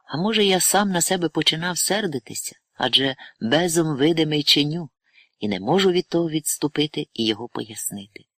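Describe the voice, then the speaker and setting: A man narrating a literary novel in a measured, earnest reading voice, with pleading inner monologue. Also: on the high side, lively intonation, fairly bright tone, no echo. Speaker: audiobook narrator.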